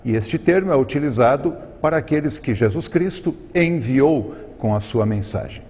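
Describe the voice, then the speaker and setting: A man with a Brazilian Portuguese accent teaching Greek in a recorded lesson, explaining terms slowly and carefully and drawing out each Greek word. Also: medium pitch, animated, very noisy. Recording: long reverb on the voice.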